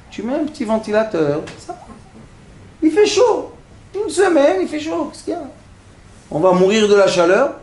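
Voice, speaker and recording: A man giving a sermon, animated, acting out everyday scenes and asking the audience questions. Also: a little high. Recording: echoey room.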